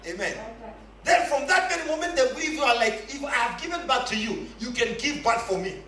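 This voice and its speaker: A high-voiced man preaches with bright, sharp tone and a swooping, animated delivery. He pushes the congregation for answers and often breaks into shouts. His voice sounds echoey and a little far from the mic. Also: fairly quick, slight background noise. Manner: emphatic call-and-response preaching, often shouting. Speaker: pastor. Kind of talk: sermon. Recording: echoey hall, voice away from the mic.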